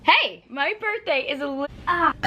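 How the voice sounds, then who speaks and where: A woman's voice: sits high, huge pitch swings, slow, creaky, heavy background noise. A woman vlogger chatting casually to the camera, often burping between sentences. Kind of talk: casual vlog chat.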